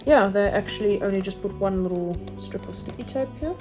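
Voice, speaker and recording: Casual woman vlogger, mid pitch, halting chatty delivery over music. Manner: chatty, hesitant, with many fillers. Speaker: craft vlogger. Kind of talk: casual unboxing chat.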